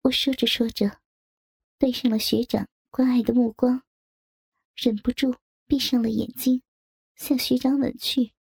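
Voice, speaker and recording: A woman tells a first-person audio story in a soft, intimate voice. Her tone is dark and mellow, with a gravelly, husky grain. Faint music plays beneath her narration. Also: fairly high pitch, steady tone, unhurried, long pauses, no echo, studio quality.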